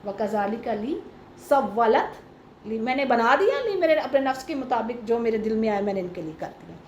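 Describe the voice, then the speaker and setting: A woman with a high voice teaches a Quran commentary class, reciting Arabic verses and explaining them with English terms mixed in. She stops to ask her students questions and waits for their answers. The room is echoey, with a faint hiss behind her. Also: lively intonation, darkish tone.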